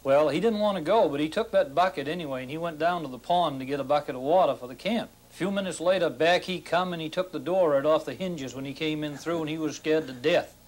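A man's voice: a little high, quick pace, hardly any pauses. A man in his forties with a Maine accent, telling folksy tall tales in a dry, drawling, plain-spoken way on a kitchen set. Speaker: storyteller host. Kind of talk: folksy tall-tale storytelling.

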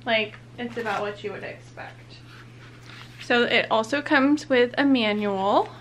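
A woman's voice: a little high, unhurried, a bit bright, slight background noise. A young woman, heavily pregnant and a bit out of breath, chatting casually through a product unboxing as a vlogger. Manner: chatty, upbeat.

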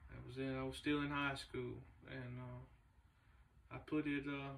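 A laid-back man talks in a flat, even tone and stops often for fillers. He sits in a large garage shop, and his voice comes from a camera several meters away, so it sounds distant and roomy. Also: medium pitch, measured pace, gravelly. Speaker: race car builder and shop owner. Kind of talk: casual vlog talk. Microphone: camera a few meters away.

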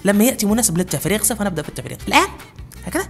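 A man hosting a gaming channel, giving excited gameplay commentary, frantically urging himself on against the clock and bursting into high shouts. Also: rapid-fire, soft background music.

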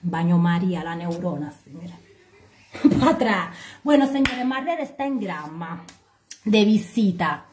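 A Cuban woman vlogging to her viewers, telling anecdotes in a sarcastic, animated way and swearing freely. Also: lowish voice, a little slow, a little hiss or hum. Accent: Cuban Spanish. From Cuba. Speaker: vlogger commenting on current affairs. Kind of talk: casual monologue to viewers.

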